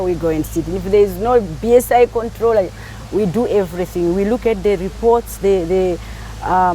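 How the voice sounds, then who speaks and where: A woman's voice: mid-range voice, mellow, a little hiss or hum, rough recording. Chatty woman from Malawi, interviewed. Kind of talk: casual interview.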